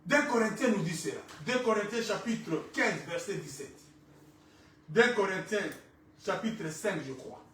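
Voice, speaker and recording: A male pastor preaching a sermon, rising to shouts and falling quiet, with Lingala phrases mixed in. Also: sits high, animated, unhurried, slight background noise. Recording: echoey church from far off.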